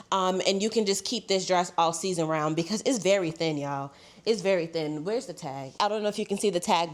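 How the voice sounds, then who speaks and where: A young woman, chatting casually through a clothing try-on haul, congested and a little out of breath, saying "y'all" a lot. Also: medium pitch. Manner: chatty, says "y'all" often. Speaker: fashion haul vlogger.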